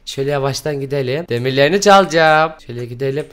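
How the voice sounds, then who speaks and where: A man hosting a gaming video, commenting excitedly and pleading dramatically as he plays. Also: mid-range voice, racing, clean tone.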